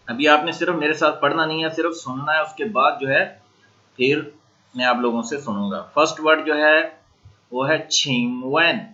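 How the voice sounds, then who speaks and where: A man's voice: a little high, bright, forceful tone, muffled recording. A man teaching a recorded language lecture who says each new word several times and spells it out. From Pakistan.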